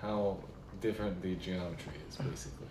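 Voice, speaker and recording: A man's voice: low-pitched, steady tone, fairly quick, warm tone, slight background noise, rough recording. A man chatting casually with frat-bro slang and plenty of swearing. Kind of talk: casual chat.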